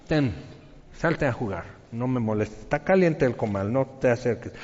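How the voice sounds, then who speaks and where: A man voicing a busy mother who curtly shoos her child away in a lower, quieter voice. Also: expressive, moderate pace, close to an everyday voice. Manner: curt, lower, quieter scolding. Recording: dull reverberant hall.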